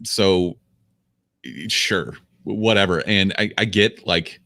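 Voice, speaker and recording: A man's voice: low-pitched, animated, moderate pace, fairly bright tone, dry recording, clean studio sound. A young adult man co-hosting a casual comedy podcast, riffing sarcastically with some profanity. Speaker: podcast co-host.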